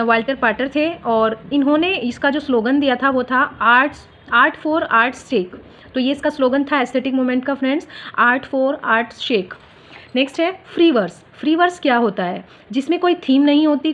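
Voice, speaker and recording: Working through literary terms one at a time from her exam notes, a woman repeats the key points and addresses her viewers as friends in an exam-prep lesson. Her voice sits high, and the highs are cut off.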